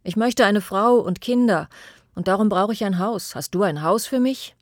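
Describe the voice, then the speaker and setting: A woman voicing a boy in a read-aloud storybook who grows into a weary old man, demanding at first and hushed later. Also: mid-range voice, normal speed, no echo, clean studio sound, pitched above the performer's own voice, close to an everyday voice. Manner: demanding when young, tired and hushed when old.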